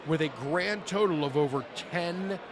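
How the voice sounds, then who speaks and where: This man co-hosts a casual business podcast, talking emphatically and laughing often. His voice is on the high side and a little slow, recorded through a cheap soundboard with background noise.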